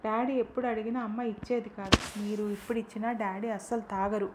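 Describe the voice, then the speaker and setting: A woman's voice: mid-range voice, level tone, brisk, very noisy, natural voice. A woman reading the lines of a young schoolgirl who speaks earnestly and pleadingly to her father.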